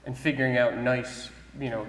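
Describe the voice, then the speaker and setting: A man's voice: medium pitch, steady tone, moderate pace, a bit bright. A man on a conference panel speaking thoughtfully, hedging often with "sort of" and "you know". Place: large conference hall stage. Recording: echoey hall with faint room noise.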